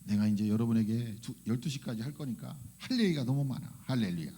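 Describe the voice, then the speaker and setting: A male pastor giving a fervent, animated sermon in church, often crying out hallelujah and questioning the congregation. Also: mid-range voice, fast talker, husky. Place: church sanctuary.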